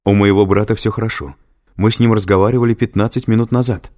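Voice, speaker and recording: A man's voice: lowish voice, steady tone, fast talker, mellow, pitched above the performer's own voice, natural voice. A man reading an audiobook, voicing a frightened, insistent woman scientist in a raised, urgent voice. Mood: alarmed. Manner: urgent and alarmed.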